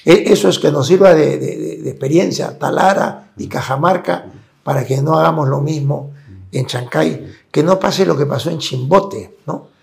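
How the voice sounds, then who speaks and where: A man's voice: on the high side, moderate pace, vocal fry. A man, a guest in a conversational interview, explaining his points at length and often tagging them with a check-in question. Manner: explanatory, tags points with "¿no es cierto?".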